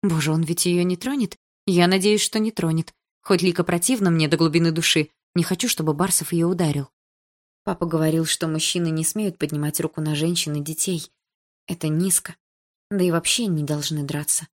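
Low-voiced woman narrating a novel. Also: steady tone, fairly quick. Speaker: audiobook narrator. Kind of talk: first-person novel narration.

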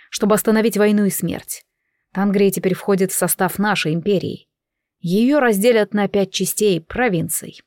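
A woman reading a dramatic audiobook aloud, slow and measured, voicing every character with emotion. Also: medium pitch, a little mellow, dry recording, studio quality. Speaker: audiobook narrator.

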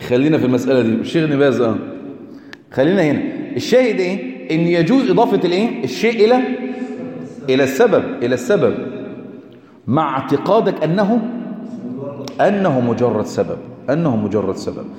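High-voiced preacher with Egyptian Arabic accent. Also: male voice, very animated, fast talker, pauses often, darkish tone. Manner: rhetorical questions to the audience, emphatic repetition. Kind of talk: religious lesson. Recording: echoey hall.

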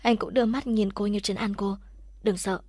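As an audiobook narrator, a woman reads a dramatic story in a steady storytelling manner. Her mid-range voice moves a little fast, captured in clean studio sound with no echo.

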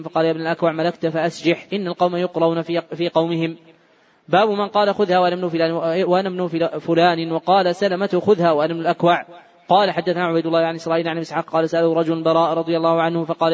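This is rapid hadith recitation from a man in a large mosque whose voice is on the high side. When he fumbles a word he starts it over, and the sound is lo-fi.

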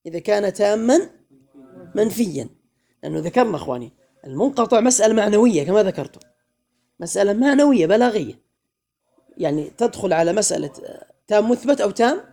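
A man teaching a grammar class, his voice gravelly and mellow. He keeps quizzing the room with questions and slows down to chant lines of verse. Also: high-pitched. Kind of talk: classroom lesson.

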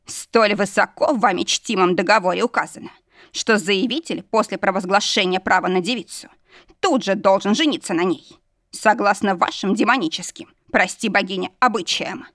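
A sarcastic priest laying out the rules with measured snideness, voiced by a woman. The delivery is dry and close, at a mid pitch. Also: fairly bright tone, no room sound, lightly acted. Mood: snide. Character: sarcastic male temple priest.

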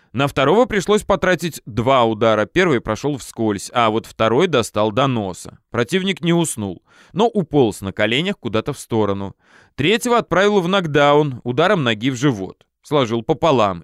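A man narrating a first-person audiobook, lively and slangy, on a close studio mic. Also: medium pitch, no echo.

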